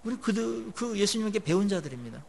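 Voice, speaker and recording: A male pastor preaches in a conversational style, putting questions to the congregation. His gravelly voice is sing-song and quick, with phrase endings dropping low after emphatic peaks.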